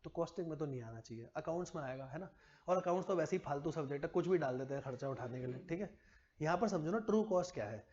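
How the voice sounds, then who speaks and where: A man's voice: a little high, lively intonation, quick pace, a little mellow, muffled recording. A man teaching commerce to a classroom, chatty and teasing, quizzing his students as he goes. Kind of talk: classroom lecture.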